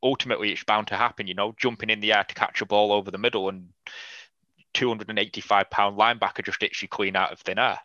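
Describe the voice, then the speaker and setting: A man with a bright, forceful voice talks football in a blunt, animated podcast chat, swearing freely. His tone sits a little low. The recording is dry and slightly dull. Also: fast talker, no room sound. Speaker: podcast guest. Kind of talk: casual sports podcast chat.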